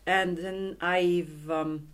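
Language instructor, woman, middle-aged; unhurried, halting delivery with frequent restarts, sitting in an office. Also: on the low side, steady tone. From Greenland and Denmark. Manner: slow, halting, thoughtful with many restarts. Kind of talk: casual interview conversation. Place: office in a theatre building.

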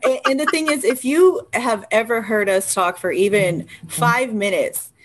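A woman co-hosting a casual podcast chat, retelling events in an expressive, indignant way. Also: fairly high pitch, measured pace, noisy background. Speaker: podcast co-host.

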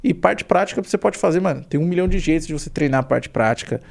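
On a podcast, a Brazilian-accented guest speaks quickly in an expressive, rather high voice that is a little mellow and has vocal fry. His casual explanations are full of slang, and he repeats points to stress them.

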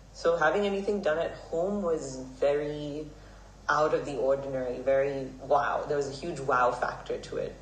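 Young male podcast guest in his 20s, earnest and measured, recorded off-mic in a roomy space. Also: mid-range voice. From Hong Kong. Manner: earnest, measured storytelling with fillers. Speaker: guest, Vedic pandit. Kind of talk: podcast interview answers. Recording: roomy, somewhat distant mic, faint noise.

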